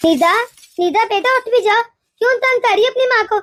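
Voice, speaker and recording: A woman voicing a short-tempered, self-pitying middle-aged mother-in-law in an animated cartoon, complaining in shrill taunts. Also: brisk, soft background music. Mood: grumbling.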